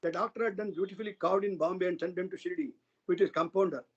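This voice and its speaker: Here a man with a husky, high-pitched voice and fairly even intonation speaks at a quick pace. He's a satsang speaker earnestly narrating saints' stories in a flowing, devotional way, heard through dull lo-fi online audio.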